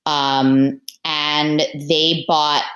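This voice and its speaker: A woman with a low, deep voice talks casually as a guest on a podcast, chatty and quick to laugh. Her voice carries the echo of a roomy space. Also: flat delivery, a bit bright. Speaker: author guest.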